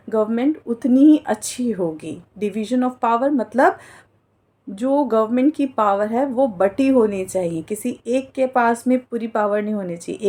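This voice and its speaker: A female political commentator gives an earnest explainer monologue, defining terms and working English words in as she goes. Her voice is a little high with a dark tone.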